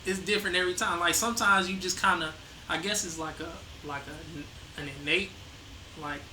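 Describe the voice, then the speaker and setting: In a casual conversation recorded in an echoey room with faint noise, a young man, the host's son appearing as a guest, talks at a moderate pace in a high-pitched, fairly even voice. His manner is laid-back and hesitant, and he frequently starts his sentences over.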